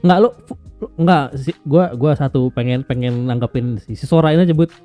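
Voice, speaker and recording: A man's voice: medium pitch, normal speed, mellow, faint music behind. A man hosting a casual podcast, chatty and fond of mimicking accents. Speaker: podcast host.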